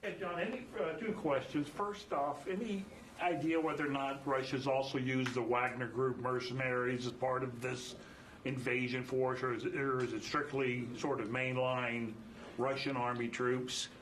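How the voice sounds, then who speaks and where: A man's voice: medium pitch, fairly even intonation, normal speed, a bit bright. A man in the press corps asks his questions plainly and casually, his mid-range voice slightly off to one side of the mic. The room is reverberant, with a faint hiss under him. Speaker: reporter. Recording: echoey room with faint noise.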